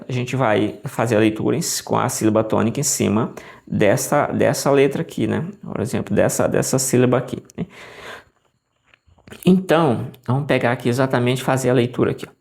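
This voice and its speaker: Man, gravelly voice, casual teacher, halting restarts, spells out Greek slowly. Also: medium pitch. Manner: thinking aloud, many restarts, repeats "né?" and Greek words slowly. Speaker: Bible teacher. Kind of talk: casual lesson walking through Greek text on screen.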